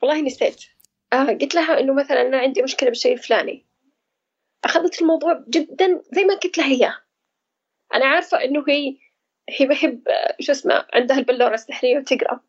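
A woman, speaking as an interview guest about her own experience, pausing often to search for words. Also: high-pitched, lo-fi sound. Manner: hesitant, searching for words, reflective. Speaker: guest sharing personal experience. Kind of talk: casual conversational interview.

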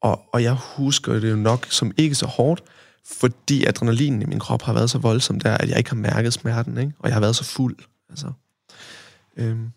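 A man's voice: medium pitch, fairly even intonation, creaky, a little mellow, no echo. A man from Denmark, a podcast guest, telling a long story in casual chat, rambling with many fillers and tag questions.

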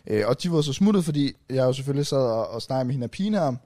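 A young man casually retelling a long night out on a podcast, rambling and animated with many restarts. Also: mid-range voice, no echo, clean studio sound. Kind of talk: casual storytelling chat.

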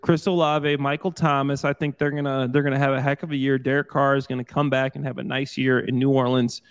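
A man who is a former pro football player turned analyst, talking football in an upbeat, joking, energetic way. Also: mid-range voice, fairly quick, clear, resonant tone. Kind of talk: casual sports talk.

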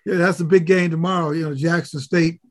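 A man's voice: a little high, steady tone, a little fast. A man co-hosting a casual sports chat, joking and loose, with some profanity. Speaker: sports talk co-host.

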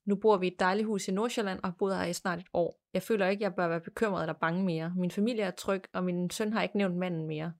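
A woman hosting a podcast, reading a listener's ghost story aloud in a measured, plain storytelling manner. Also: fairly low pitch, steady tone. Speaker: podcast host.

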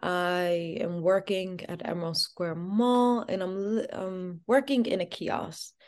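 Woman telling her story casually, chatty w lots of "like"s, lowish voice. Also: fairly even intonation, slow pace, darkish tone. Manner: chatty, with many "like" fillers. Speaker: interview guest.

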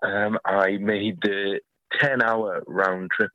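A British man leaves an eager voicemail over a tinny phone line, rambling and restarting often. His voice is fairly low, bright, and forceful, yet he speaks slowly with a flat delivery, and there's no room sound.

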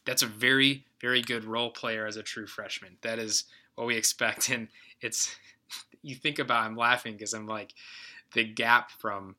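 Enthusiastic man, very bright voice. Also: mid-range voice, fairly even intonation. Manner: enthusiastic, quick asides. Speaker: podcast co-host. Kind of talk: casual sports chat.

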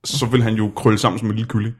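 A man's voice: on the low side, level tone, husky. A man leads a casual conversation with teasing, pointed questions. He keeps prodding his guest for answers. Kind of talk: casual chat.

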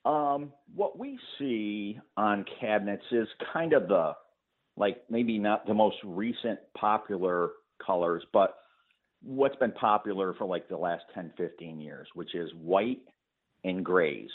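On a radio call-in show, a painting contractor with a lower voice speaks a little slowly over a tinny, phone-like line. He explains his painting work patiently, using lots of fillers and laughing easily.

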